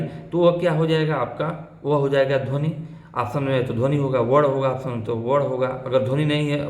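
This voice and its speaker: A man's voice: medium pitch, reverberant. A man teaching a grammar lesson for exam prep who keeps asking his own questions and answering them.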